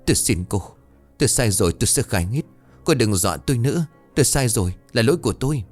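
A man's voice: mid-range voice, lively intonation, fast, voice pushed up, lightly acted. A guilt-ridden middle-aged father pleads and stammers through tears, as a male storyteller voices him. The voice rises and falls with real motion. Faint music plays beneath the audiobook reading. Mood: pleading, sobbing.

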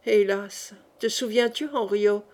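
A woman voicing a dying, weary king who speaks softly and confidingly in an audiobook reading. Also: steady tone, takes it slowly. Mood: sorrowful. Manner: soft, low-voiced confiding.

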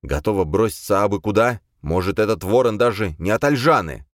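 A defensive young sorcerer-leader, voiced by a male narrator who talks gruff and clipped, always on edge. The voice is low and lively in its rises and falls. The recording is dry and close. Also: fairly quick, no room sound, lightly acted. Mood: irritable.

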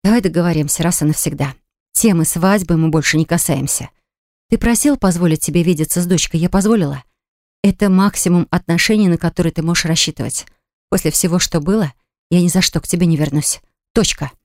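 A woman's voice: on the low side, brisk, a little mellow, no echo, close to an everyday voice. Audiobook: cold, curt young mother, woman reader's own register, dry close sound. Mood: stern. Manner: curt, stern, clipped. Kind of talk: audiobook dialogue.

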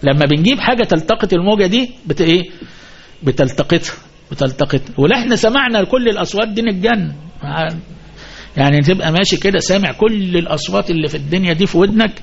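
A man's voice: high voice, creaky, slightly rough, muffled recording. A man with an Egyptian accent giving a mosque lesson, asking the listeners questions and repeating his key points. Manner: asks the audience questions and repeats key phrases. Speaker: sheikh teaching hadith commentary.

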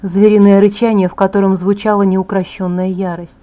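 A woman reading a first-person audiobook with a dramatic, expressive delivery. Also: medium pitch, a little fast, highs cut off. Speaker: audiobook reader.

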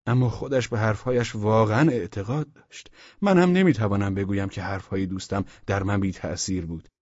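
A man narrating a humorous audiobook in a wry, expressive storytelling manner. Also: lowish voice, no echo, lo-fi sound.

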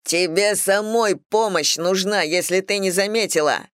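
Woman reading a frantic young man in a storybook, yelling, dry close sound. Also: medium pitch, slow, no echo, close to an everyday voice. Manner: shouting. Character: young man, panicked and angry.

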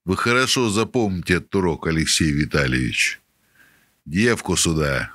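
A man's voice: sits low, big pitch swings, normal speed, fairly bright tone, no echo, studio quality, voice pushed down, heavily acted. A man voicing a cold, menacing debt-collector boss who makes polite threats.

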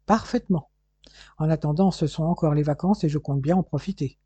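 A cheeky, eager young son, as a male reader does him. The voice sits fairly high, dark and husky underneath. The sound is dry and a bit dull. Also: brisk, dry recording.

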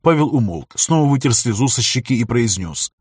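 A man calmly narrating an audiobook in a measured storytelling manner. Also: medium pitch, breathy edge, no echo, clean studio sound. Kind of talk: scripted narration.

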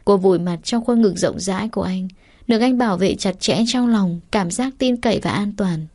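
A woman narrating a romance story aloud in an even, steady reading voice. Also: mid-range voice, normal speed, no room sound, studio quality.

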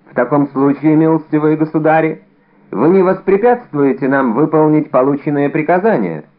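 A man reading an audiobook, voicing a deferential guard captain who mutters low and humbly, in a narrow, phone-like recording. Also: moderate pace, lightly acted. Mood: formal.

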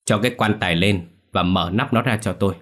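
A brusque, foul-mouthed village exorcist, put on by a male storyteller in a ghost story. He snaps orders and curses the people around him. His voice sits very low. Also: brisk, fairly bright tone, close to an everyday voice. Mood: commanding. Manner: brusque, cursing, barking orders. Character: gruff crude cocky male village exorcist.

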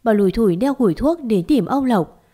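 A woman narrating a love story in a calm, even reading voice. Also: on the high side, a little fast. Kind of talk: audiobook narration.

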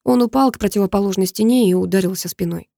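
Woman narrating in a mellow voice. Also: mid-range voice, fast talker, gravelly, dry recording, studio quality. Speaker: audiobook narrator. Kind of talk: first-person story narration.

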